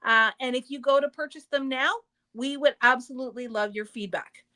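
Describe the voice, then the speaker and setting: A woman's voice: high-pitched, normal speed, bright, forceful tone. A woman hosting a craft store's live show, chatting casually and upbeat about products and store news. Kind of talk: casual livestream product chat.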